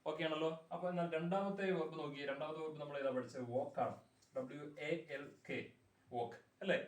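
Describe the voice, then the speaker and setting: A man's voice: a little high, fairly even intonation, quick pace, far from the mic. A man teaching grammar in Malayalam. He speaks, patiently repeats word forms and keeps checking that the class follows. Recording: echoey room, voice from afar.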